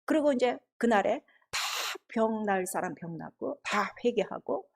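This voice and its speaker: Animated middle-aged woman preacher. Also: medium pitch, measured pace, gravelly. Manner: animated storytelling with laughter and acted quotes. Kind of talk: testimony sermon.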